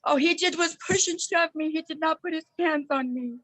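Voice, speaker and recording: A woman on a video call pleading with a judge, earnest and emotional. Her voice sits very high. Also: moderate pace, a bit bright. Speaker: victim addressing the court. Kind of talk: virtual court hearing.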